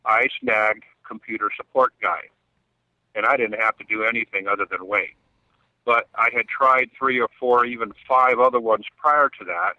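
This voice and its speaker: A man speaks in a lowish voice in a voicemail message played back on air. The line is dull and lo-fi, with a dry, close sound. He talks conversationally, with small fillers and restarts. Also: dry recording. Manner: conversational, slightly halting with fillers. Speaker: caller. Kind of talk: voicemail to a call-in show.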